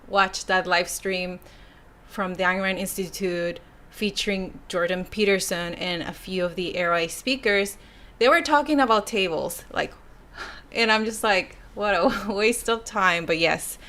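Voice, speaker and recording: A young Mexican woman, a native Spanish speaker with a Mexican Spanish accent, reads viewer comments on a casual YouTube live stream. Her mid-range voice is bright and clear, and she chats loosely, sighing and laughing between thoughts.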